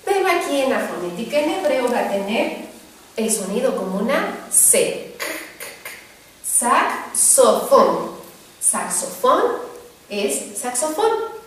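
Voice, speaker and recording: A woman teaching a children's Hebrew lesson, naming each word slowly and clearly and repeating it. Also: on the high side, sing-song. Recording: echoey room, heard from a distance.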